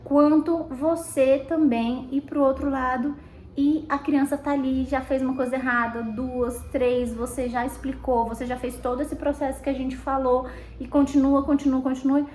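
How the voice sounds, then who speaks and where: A woman with a Brazilian Portuguese accent giving parenting advice in a conversational, animated way, acting out parent and child lines. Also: high voice, normal speed, roomy sound, rough recording. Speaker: parenting educator. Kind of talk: direct-to-camera parenting advice.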